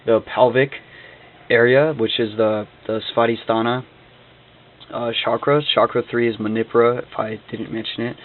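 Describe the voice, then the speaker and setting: A man's voice: on the low side, creaky. A man reading a book aloud and explaining it in his own words, hesitant and full of fillers and restarts but earnest about the subject. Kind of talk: reading aloud with spoken commentary. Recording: tinny phone-like recording with faint noise.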